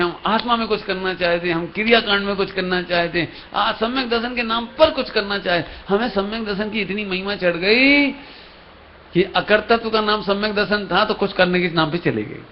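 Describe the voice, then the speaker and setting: High-voiced man preaching a story sermon. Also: normal speed. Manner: storytelling, acts out characters' dialogue, asks the audience questions. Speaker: Jain preacher. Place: lecture hall at a religious camp. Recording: dull live stream audio with faint hiss.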